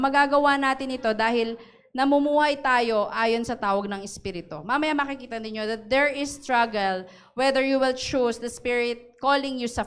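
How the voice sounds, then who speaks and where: Lively woman pastor, smooth higher voice. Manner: asks the congregation questions and tag questions, laughs often; switches between Tagalog and English mid-sentence. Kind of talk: sermon. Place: church service.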